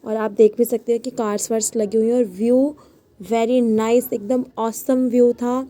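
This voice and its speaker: A woman's voice: on the high side, level tone, measured pace, warm tone. A young woman narrating a casual travel vlog, chatty and repeating set phrases as she goes. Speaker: vlogger.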